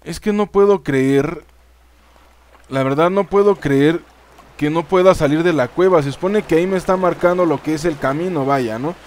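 A gaming YouTuber with a Mexican accent chats straight to his viewers in casual let's-play commentary, swearing freely. His voice is on the high side, a little mellow, at normal speed.

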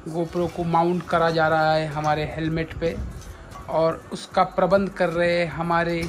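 High-voiced chatty male vlogger. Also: flat delivery, measured pace, soft background music. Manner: chatty and joking, addresses viewers directly. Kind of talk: casual vlog chat.

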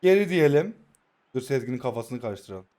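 A man, giving playful, taunting commentary over a mobile football game and bursting into excited play-by-play. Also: mid-range voice, normal speed. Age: 20s. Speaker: mobile football gaming YouTuber. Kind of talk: live gameplay commentary, teasing opponent.

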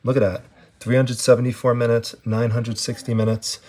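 A man's voice: mid-range voice, little pitch movement, fairly quick, a little mellow. A man chatting casually as he walks through an estate sale house, filming by hand and filling his talk with "I mean" and "you know". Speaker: treasure hunting vlogger. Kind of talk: casual handheld walkthrough. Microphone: handheld camera, first-person view.

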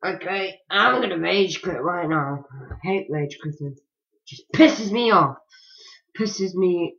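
A man's voice: high voice, animated, slow, vocal fry, fairly bright tone. A man giving casual gameplay commentary. He hums and mutters filler sounds between lines and swears freely. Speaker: gaming channel host. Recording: dull lo-fi home mic.

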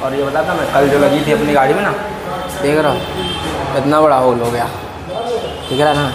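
A man's voice: a little high, steady tone, moderate pace, over a noisy crowd, rough recording. A man, chatting casually and informally to viewers as a truck-driver vlogger. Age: 20s. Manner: informal, addresses viewers as brother. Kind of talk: casual vlog chat to viewers. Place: parked truck cab and roadside outdoors. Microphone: phone at arm's length. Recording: clear traffic and vehicle noise. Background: vehicles and urban street ambience.

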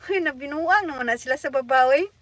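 A woman's voice: high-pitched, normal speed, no echo. A woman hosting a livestream, chatting casually, teasing viewers and giggling as she reads their comments aloud. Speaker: livestream host.

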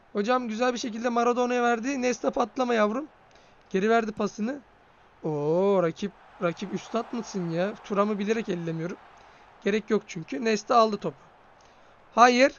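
Excitable young-sounding man gaming. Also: very high-pitched, gravelly, lo-fi sound. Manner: excitable, swears, shouts at goals. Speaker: gaming streamer. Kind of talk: live football game commentary.

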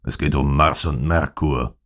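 A man reads out a hard-hearted old moneylender for a storybook, his voice sitting extremely low. The lender growls his words gruffly, irritated and cold, as if every question wastes his time. It is recorded close on a studio microphone. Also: fairly even intonation, measured pace, fairly bright tone. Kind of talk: audiobook character voice.

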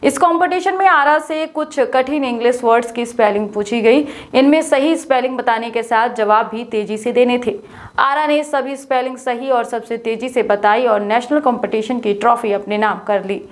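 High-pitched woman reading the news. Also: normal speed. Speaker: news presenter. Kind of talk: scripted news narration.

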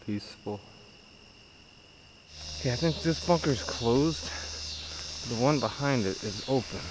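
A man in his thirties vlogs an outdoor adventure in an overgrown prairie, tossing off short, muttered remarks to camera in an animated, mid-range voice at normal speed. Crickets, insects, and other nature sounds make the recording noisy.

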